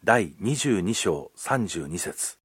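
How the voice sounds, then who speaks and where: Male radio preacher: low, husky, dry studio sound, earnest measured delivery. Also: sing-song, dry recording. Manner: earnest, measured storytelling with quoted scripture. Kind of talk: radio sermon. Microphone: studio microphone.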